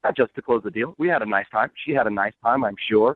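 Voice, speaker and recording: A man's voice: fairly low pitch, fast talker, dry recording. A man speaking bluntly and smugly over the phone as a guest in an unscripted radio call, unapologetic in his answers. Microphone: telephone. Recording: band-limited phone line.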